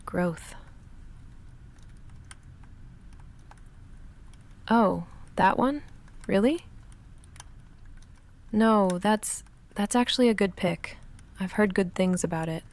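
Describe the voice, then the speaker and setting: Playful and casual, a woman with a mid-range voice plays a goth vampire roommate for an intimate ASMR roleplay. She speaks softly and haltingly, dry and guarded but quietly affectionate, frequently slipping into something close to a whisper.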